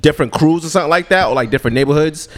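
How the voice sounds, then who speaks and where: A man's voice: on the high side, very fast. A man in his thirties hosting a casual chat, telling stories in a joking, slangy way. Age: 30s. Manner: animated, joking, slangy storytelling. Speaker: podcast host.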